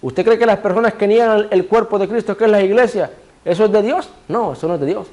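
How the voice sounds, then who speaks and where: Male preacher, high voice, sermon delivery, rhetorical questions answered himself, cues a reader to repeat verses. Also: fast talker, a little mellow. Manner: asks the congregation rhetorical questions and answers them; directs a reader to repeat scripture phrases.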